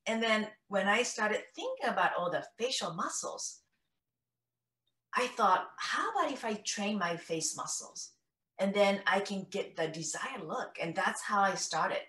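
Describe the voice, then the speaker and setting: A Japanese woman in her fifties with a Japanese accent, telling her story as an interview guest in an animated way on a video call from home. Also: mid-range voice, a little slow. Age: 50s. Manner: animated, gestures a lot, acts out what she recalls. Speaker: guest, founder of a face exercise method. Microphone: laptop webcam mic on a video call. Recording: roomy, slightly distant video call audio.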